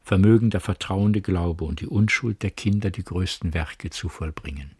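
A fervent young shepherd preacher, voiced by a man in a radio drama, proclaiming a divine calling in solemn, lifted phrases. The voice sits low and husky, recorded close and dry. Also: moderate pace, darkish tone, dry recording.

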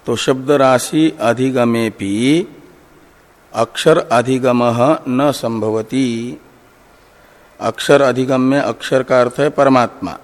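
A man teaching scriptural commentary, reciting Sanskrit passages and then explaining them word by word in a measured, deliberate way. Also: medium pitch. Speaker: Vedanta teacher. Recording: long hall reverb.

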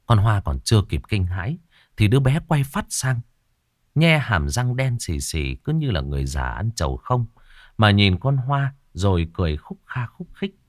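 A man's voice: fairly low pitch, normal speed, dry recording, studio quality. Guy reading a ghost story, voice goes up and down a lot, dramatic. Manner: lively, dramatic telling.

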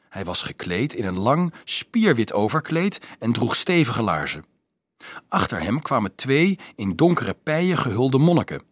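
A man reading a novel aloud as an audiobook narrator, expressive and shifting his voice for the characters. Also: mid-range voice, slightly rough, no echo.

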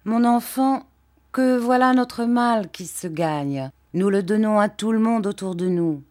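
A woman voicing a patient young husband who pleads gently and earnestly in an audiobook reading. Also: mid-range voice, unhurried, pitched above the performer's own voice, natural voice.

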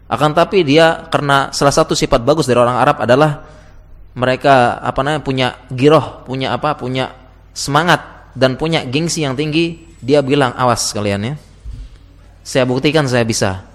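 Male lecturer, chatty and playful the audience, mid-pitched, long hall echo. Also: steady tone, moderate pace, a bit bright. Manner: chatty, asks the audience questions, laughs often. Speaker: teacher giving a talk to Islamic school teachers. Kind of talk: casual lecture.

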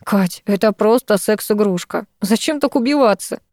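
A woman voicing a calm, kind young male neighbor in an audiobook. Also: medium pitch, moderate pace, no echo, studio quality, lightly acted. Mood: gentle.

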